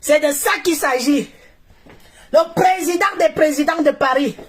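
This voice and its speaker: Really high-pitched woman from cameroon, live streaming, chants and shouts praise over and over. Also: a little slow. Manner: chanting, repetitive, exclamatory praise. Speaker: social media live streamer. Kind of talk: live stream hype and commentary.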